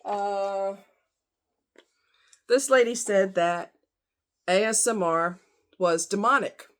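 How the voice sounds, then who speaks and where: Speaking slowly at a medium pitch, this woman vlogger chats to her viewers on camera in a loose, conversational way, wandering off into frequent asides.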